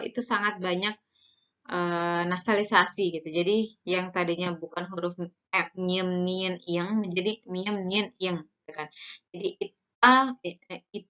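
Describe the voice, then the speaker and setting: A woman lecturer with an Indonesian accent giving a relaxed online lesson, full of fillers and tag questions. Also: medium pitch, highs cut off. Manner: relaxed, conversational, many fillers and "gitu kan" tags. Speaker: university lecturer.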